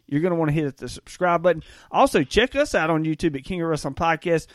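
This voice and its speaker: Dry-voiced podcast host. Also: male voice, fairly high pitch, quick pace, no room sound. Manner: rambling storyteller, folksy and animated. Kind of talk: casual podcast chat.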